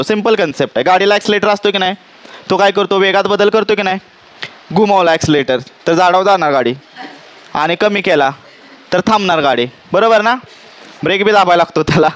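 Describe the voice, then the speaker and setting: High-voiced man teaching a class. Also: fairly bright tone, no room sound. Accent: Marathi. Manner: questioning, checks understanding often; mixes English terms into Marathi. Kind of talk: classroom physics lecture.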